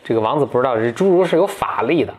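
A man's voice: medium pitch, expressive, rapid-fire, a little mellow. A man casually retelling a fairy tale in a chatty, playful way, with asides. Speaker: storyteller host.

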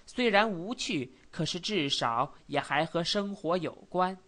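A woman narrating a classic novel as an audiobook, in a steady, measured storytelling manner. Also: on the low side. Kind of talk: scripted narration.

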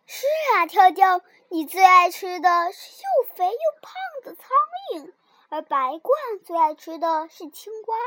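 A woman voicing a kind, cheerful little rabbit child in a storybook reading, speaking in a gentle, reassuring way. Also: extremely high pitch, expressive, measured pace, dry recording, clean studio sound, pitched above the performer's own voice, heavily acted. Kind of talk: storybook character voice.

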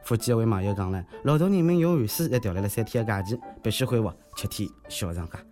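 A man's voice: on the low side, animated, fast, mellow, faint music behind. A man with a Shanghai accent hosting a podcast, giving humorous news commentary in a joking, teasing manner. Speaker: host of a comedy news podcast.

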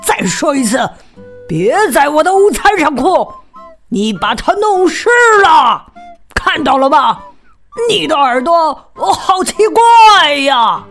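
A woman voicing a rude, hungry male elephant who talks loud and rough in a storybook reading. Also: sits high, sing-song, slow, faint music behind, exaggerated voice.

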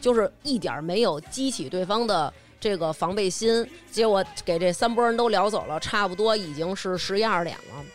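A woman with a Beijing accent telling a personal story in casual chat. She is animated and repeats herself as she goes. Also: medium pitch, brisk, few pauses, soft background music. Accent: Beijing Mandarin.

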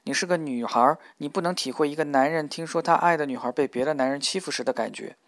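A man voicing a tender, protective young man in an audiobook, speaking low and earnestly. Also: brisk, no echo, close to an everyday voice.

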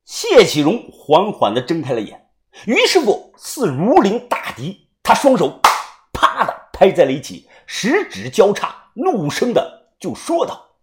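Animated woman telling a martial arts story. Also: medium pitch, measured pace, noisy background. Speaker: audiobook narrator. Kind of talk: first-person story narration.

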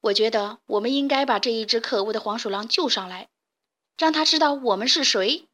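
A woman's voice: fairly high pitch, brisk, fairly bright tone. Young rooster, brave and kind, earnest and persuasive, storybook read by a woman.

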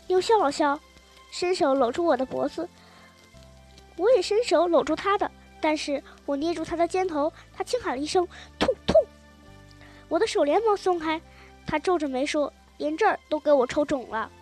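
A woman narrating a storybook in an expressive reading style, voicing the children's dialogue as she goes. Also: extremely high pitch, normal speed, soft background music, low-quality recording. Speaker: audiobook narrator.

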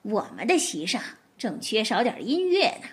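Storybook fox, sly and teasing, voiced by a woman, slightly lower than her own, lively and playful. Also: normal speed. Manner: teasing, mock-innocent. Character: sly mocking fox, head of the family.

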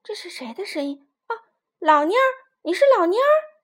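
A woman voicing an excitable young chick who exclaims in quick bursts. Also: high voice, pitched above the performer's own voice. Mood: startled.

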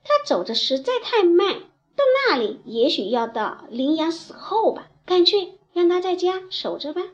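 A woman's voice: very high voice, very animated, moderate pace, muffled recording, voice pushed up. A woman voicing a blunt, impatient crow in a children's story. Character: brisk, dismissive, impatient crow.

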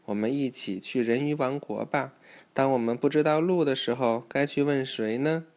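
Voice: medium pitch, moderate pace, a little mellow. A parent reading a children's story aloud to a child, in an instructive way with questions to the listener.

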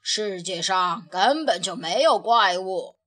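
A woman voicing a grumpy, easily frightened father bear in a children's story, gruff and loud. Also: mid-range voice, animated, slow pace, soft background music, voice pushed down. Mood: blustering. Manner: gruff, loud, trembling when scared. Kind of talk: storybook reading.

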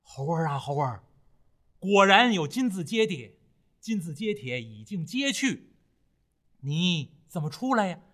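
A man voicing a kindly male Buddhist monk master who speaks softly and with care. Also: on the high side, sing-song, measured pace, long pauses. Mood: caring.

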